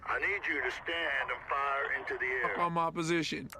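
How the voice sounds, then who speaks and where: A man's voice: fairly high pitch, fairly even intonation, normal speed. A man acting a cunning Iraqi sniper who poses as a radio officer in a war film, heard over military radio. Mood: insistent. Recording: very noisy crackling radio film clip.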